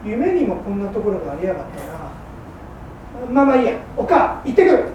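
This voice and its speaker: A woman voicing a gruff old-Edo fishmonger. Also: mid-range voice, sing-song, quick pace, dark tone, lo-fi sound, natural voice. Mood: resolved. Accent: old Edo Tokyo working-class. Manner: gruff, clipped, rough-spoken. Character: hard-drinking male fishmonger, rough, boastful, then repentant. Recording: roomy hall from far off, faint hum.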